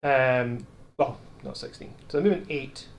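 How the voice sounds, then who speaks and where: A man's voice: medium pitch, fairly even intonation, normal speed, creaky, slight background noise. A man chatting casually while playing a tabletop game on a livestream, self-mocking and thinking aloud with restarts.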